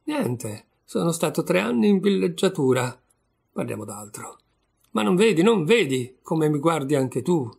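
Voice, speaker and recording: A man's voice: fairly high pitch, sing-song, measured pace, gravelly, a little mellow, slightly rough, heavily acted. A man reading as a bitter, sardonic young man. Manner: ironic, wry, bitter. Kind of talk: audiobook reading of a short story.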